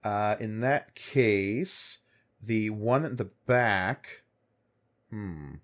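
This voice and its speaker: A man acting as game master, narrating and refereeing a tabletop game in a casual, measured way. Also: on the low side, a bit bright.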